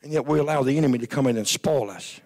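A man preaching at a revival, fervent and often shouting, with a stutter and sudden quieter passages. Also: medium pitch, quick pace.

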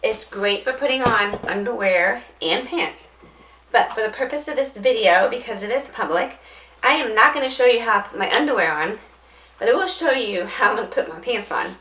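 A woman with a bright, forward voice walks through a casual how-to demonstration, chatting and thinking aloud as she works. She is picked up from a distance in an echoey indoor room, with a faint hiss underneath. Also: on the high side, lively intonation, moderate pace. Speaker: presenter demonstrating dressing aids. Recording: roomy echo, distant mic, faint noise.

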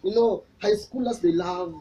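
A man's voice: sits high, normal speed, warm tone. A young Kenyan man with a Kenyan accent, a youth preacher chatting casually as an interview guest. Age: young adult. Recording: muffled audio with background noise.

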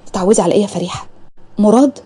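A woman's voice: medium pitch, racing, mellow, breathy edge. A woman voicing a cheeky young woman who scolds her friend bluntly, in an Egyptian accent. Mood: scolding. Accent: Egyptian Arabic.

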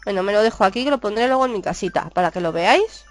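A woman from Spain with a Spanish accent, chatting excitedly as she plays a video game and reads its dialogue aloud. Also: medium pitch, quick pace, soft background music. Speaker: gaming YouTuber. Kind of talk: casual game commentary.

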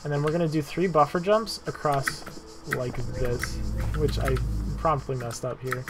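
A man casually narrating a speedrun tutorial over gameplay, relaxed and self-deprecating, with many fillers and repeated words. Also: on the high side, normal speed, over music. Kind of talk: casual gameplay walkthrough commentary.

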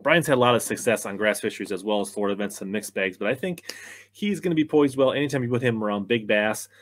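A fast-talking American man in his thirties, voice on the low side, runs through sports commentary and fantasy fishing picks as host. The recording is dry, made at a desk in a small indoor room.

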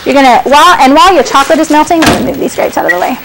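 A woman's voice: high voice, rapid-fire, background noise. A young woman co-hosting a local TV cooking show, chatty and upbeat as she explains each step. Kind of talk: casual cooking demonstration. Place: small indoor TV studio set.

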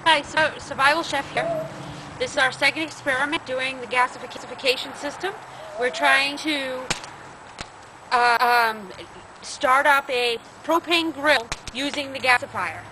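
A woman's voice: high voice, measured pace, bright, forceful tone, a little hiss or hum. A woman hosting a casual demonstration in her backyard, talking hesitantly with fillers, recorded by a camera mic at some distance. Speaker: channel host. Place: backyard outdoors.

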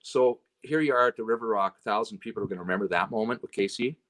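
A man from Canada with a lowish voice tells stories from the road as a guest. He keeps it animated, acting out the people he quotes and checking in with "right?" as he goes. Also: quick pace. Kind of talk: casual storytelling chat.

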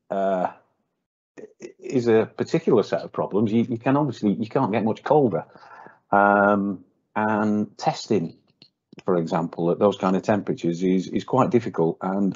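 Husky hesitant man presenting a webinar. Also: lowish voice, normal speed, a little mellow. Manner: hesitant, many fillers and repeated words. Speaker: webinar presenter for a welding company. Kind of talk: unscripted technical presentation. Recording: dull lo-fi webinar audio.

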